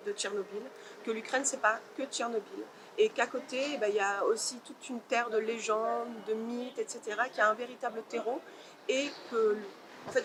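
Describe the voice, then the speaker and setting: Speaking a little on the high side, a woman novelist gives considered interview answers and frequently stops to find the right words.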